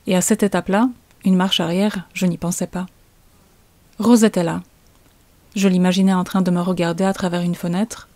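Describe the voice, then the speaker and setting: A woman's voice: fairly low pitch, dark tone, dry recording. A woman, telling a suspenseful first-person story as a comic author. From Poland.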